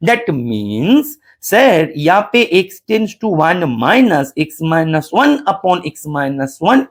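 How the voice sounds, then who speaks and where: Lively man teaching math. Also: sits high. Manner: explains step by step, addresses students as beta, mixes English terms. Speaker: mathematics teacher. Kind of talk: exam-solution math lecture.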